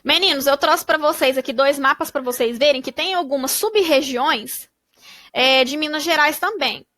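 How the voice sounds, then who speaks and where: A woman teacher with a high, bright voice, sounding out syllables slowly and patiently for children. The recording is dry and close, with no room around her. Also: dry recording. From Brazil. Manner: slow, syllable-by-syllable reading. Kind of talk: spelling out syllables for young pupils.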